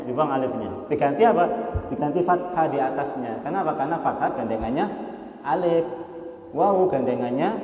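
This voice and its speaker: A man teaching a Quran study lesson in a mosque, explaining patiently, often asking his listeners rhetorical questions and chanting verses slowly. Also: fairly high pitch, a little mellow. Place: mosque hall. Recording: echoey hall reverb.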